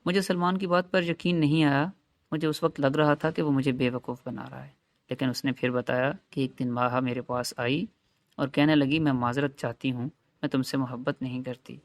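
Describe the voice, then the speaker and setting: A man's voice: mid-range voice, flat delivery, dry recording. Guy reading a sad love story as "I", earnest, dry close sound. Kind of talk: first-person story narration.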